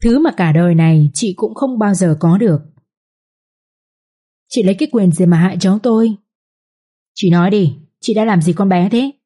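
A woman voicing a cold, domineering older matriarch who speaks slowly and hisses through her teeth. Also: medium pitch, dark tone, breathy edge, lightly acted.

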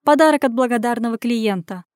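A woman's voice: a little high, fairly quick, darkish tone, dry recording, clean studio sound, natural voice. A woman doing a brash, bossy girlfriend. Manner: bossy, blunt, commanding.

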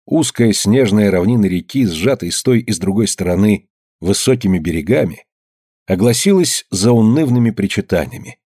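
A man narrating an audiobook in a measured, grave storytelling manner. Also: fairly low pitch, expressive, warm tone, slightly rough, dry recording, clean studio sound. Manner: measured, grave storytelling, slowing at somber moments.

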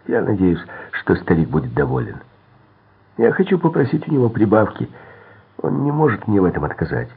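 Whiny cowardly henchman voiced by a man, pleading, raised pitch, tinny lo-fi audiobook. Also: huge pitch swings, fairly quick, slightly rough, exaggerated voice. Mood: hopeful. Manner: whining, pleading. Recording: tinny phone-like sound.

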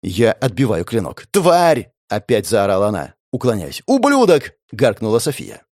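A man's voice: lowish voice, expressive, normal speed, a little mellow, dry recording, clean studio sound, close to an everyday voice. A man voicing a furious young woman knife fighter who screams insults and snarls, in an audiobook reading.

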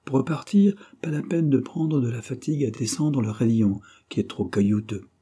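A man's voice: mid-range voice, moderate pace, dark tone, husky, close to an everyday voice. A man voicing an eager, obliging young chauffeur who speaks helpfully and deferentially.

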